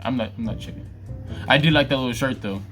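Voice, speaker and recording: A man's voice: medium pitch, quick pace, a bit bright, soft background music. A man hosting a reaction video, talking back at a clip in slangy, laughing casual commentary.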